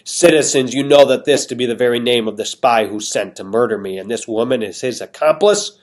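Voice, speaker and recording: A man voicing a cruel, pompous tyrant king who makes menacing, slow proclamations. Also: medium pitch, close to an everyday voice. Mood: proclaiming.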